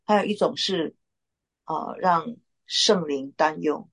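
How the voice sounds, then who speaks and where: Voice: mid-range voice, slow pace, fairly bright tone. A Bible study leader giving an informal sermon, talking conversationally with frequent filler particles.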